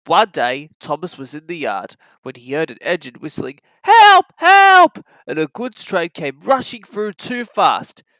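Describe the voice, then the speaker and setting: Reading a scripted children's storybook, the narrator uses a bright, forceful, mid-range voice with very lively intonation. The sound is close and dry.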